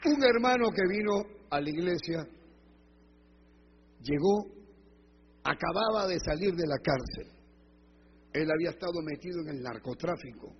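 A male pastor preaching a sermon in church, telling stories and acting out the voices of church members, rising to loud emphatic peaks. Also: on the high side, breathy edge, big-room sound, dull audio.

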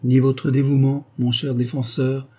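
A man's voice: mid-range voice, flat delivery, measured pace, mellow, lightly acted. A man reading aloud, voicing an earnest young woman who was once a governess and is now a rich heiress.

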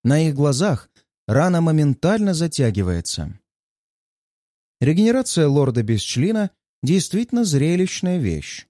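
Ironic male audiobook narrator, lively. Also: on the high side, unhurried, no room sound, studio quality. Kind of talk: first-person audiobook narration.

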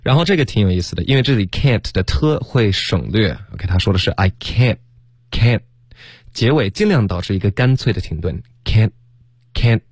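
Man calmly modeling English phrases. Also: fairly low pitch, husky, no echo, studio quality. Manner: laughs often, repeats phrases slowly to model them. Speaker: co-host explaining English pronunciation. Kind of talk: casual radio lesson chat.

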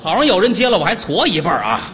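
Exasperated man, wildly lively pitch. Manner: exasperated, heckling, quick retorts. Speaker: comic performer. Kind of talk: crosstalk comedy sketch.

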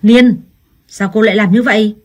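Woman playing a young husband, hot-tempered, stern, shouting, husky, story reading. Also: a little high, measured pace.

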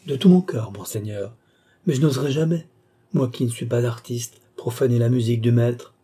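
A man voicing a charming court countess who flatters sweetly and feigns timidity. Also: medium pitch, normal speed, breathy edge, close to an everyday voice. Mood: coy.

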